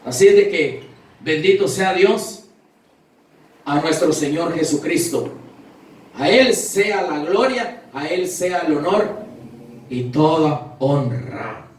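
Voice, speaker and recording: High-voiced fervent pastor in an echoing church. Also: male voice, animated, takes it slowly, pauses often. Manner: fervent, storytelling with quoted dialogue. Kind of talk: testimony sermon. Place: church sanctuary. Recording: very echoey hall, voice from far off.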